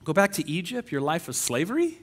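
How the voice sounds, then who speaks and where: A middle-aged man preaching a sermon as pastor, animated, breaking into whiny put-on voices when acting out complaints. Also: on the high side, a little fast.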